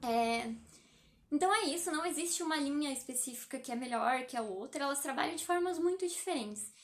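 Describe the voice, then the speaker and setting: High-voiced chatty Brazilian woman. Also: animated, fairly quick. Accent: Brazilian Portuguese. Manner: chatty and explanatory, with many fillers. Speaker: psychologist. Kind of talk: casual live-stream talk.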